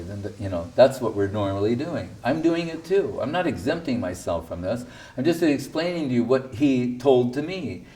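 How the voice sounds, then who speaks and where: A man with a warm, mid-range voice, recorded on a distant mic, gives an informal spiritual talk. He recounts his guru's teachings through anecdotes, quoting others and adding wry asides.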